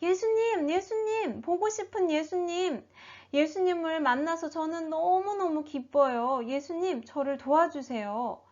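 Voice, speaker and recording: A desperate blind beggar man calls out and begs in a high, tearful voice, as a woman puts him on. He sounds very high and strained, and the recording is dull and lo-fi. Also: measured pace. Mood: eager. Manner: crying out, begging.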